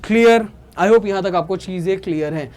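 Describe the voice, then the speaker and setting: A man's voice: high voice, darkish tone. A man from India teaching a beginner language lesson, explaining patiently and often checking whether students have understood. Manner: slow, drilling words by repetition. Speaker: German teacher.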